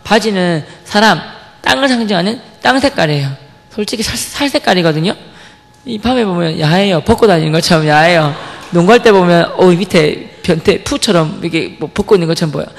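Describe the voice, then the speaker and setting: A young man giving a lively church testimony, acting out the lines he quotes and firing questions at the congregation. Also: high-pitched, brisk, gravelly. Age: young adult. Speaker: testimony speaker at a church service. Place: church sanctuary. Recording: long hall reverb from the church.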